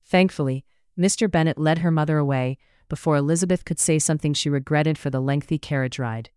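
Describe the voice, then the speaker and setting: A narrator reading a romance novel aloud in a measured, steady way. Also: medium pitch, smooth, no echo, clean studio sound. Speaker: audiobook narrator.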